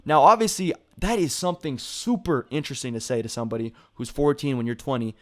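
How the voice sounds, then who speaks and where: A man's voice: medium pitch, fast talker, fairly bright tone. A man hosting a gaming commentary video, talking casually with lots of "you know" and "like". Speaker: gaming YouTuber.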